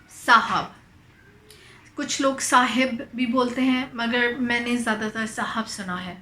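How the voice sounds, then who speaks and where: A woman teaching a language, reading a story aloud and carefully explaining each phrase, giving slow glosses in English. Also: a little high, sharp tone, roomy sound, a little hiss or hum, poor audio.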